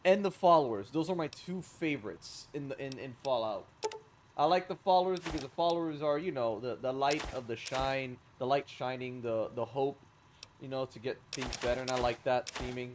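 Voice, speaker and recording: A man's voice: mid-range voice, normal speed, a little hiss or hum. A man streaming a game, chatting casually as he plays, rambling and correcting himself with sarcastic asides. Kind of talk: casual gameplay commentary.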